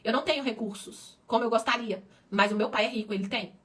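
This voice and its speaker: A woman's voice: a little high, fast talker, a bit bright, far from the mic. A middle-aged woman pastor preaching a sermon with passion, repeating words for emphasis and rising to cries.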